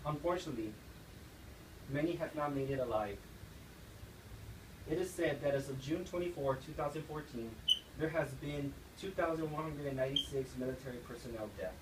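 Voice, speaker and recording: A man's voice: on the high side, a little fast. Earnest young man giving a speech. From United States. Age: young adult. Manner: earnest, read-aloud delivery. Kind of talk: persuasive speech. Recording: echoey room, distant mic, noisy.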